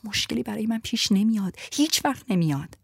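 Whispered role-play of a frail, feverish young woman, scared yet stubborn, as a woman puts her on. Her voice sits high and tight, breathy and husky in a dry close space. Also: expressive, dry recording, full character voice. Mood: frightened. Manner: frightened hushed refusal.

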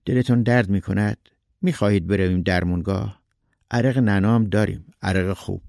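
A man's voice: lowish voice, vocal fry, darkish tone, no echo, studio quality. A man voicing a fussy, helpful male neighbor who asks solicitous questions. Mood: fussing.

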